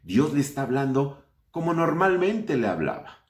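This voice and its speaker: Questioning pastor, echoey room. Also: male voice, fairly high pitch, big pitch swings, normal speed. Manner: asks the congregation questions, addresses them as brothers. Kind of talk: online Sunday sermon.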